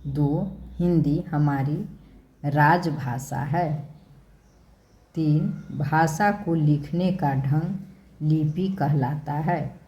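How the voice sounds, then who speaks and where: A woman teaching a children's worksheet lesson, slowly spelling words out sound by sound. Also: sits low, mellow. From India.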